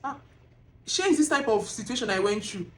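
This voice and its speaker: A woman with a Nigerian accent filming herself as she tells a personal testimony, emotional and animated, close to tears. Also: on the high side, fairly quick. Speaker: vlogger. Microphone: self-filmed camera.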